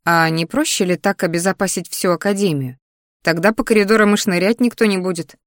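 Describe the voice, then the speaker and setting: A woman's voice: on the low side, steady tone, brisk, no echo, clean studio sound, natural voice. A woman voicing a young, stubborn heroine in a fantasy audiobook, wry and grumbling.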